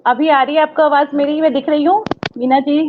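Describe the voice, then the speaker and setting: A woman's voice: high voice, fairly even intonation, brisk, a little hiss or hum. A woman hosting an interview over a video call with a bad connection, patiently checking whether she can be heard. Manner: repeatedly checking the line, patient. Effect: breaking up on a bad online call connection. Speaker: interview host. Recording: dry, muffled lo-fi call audio.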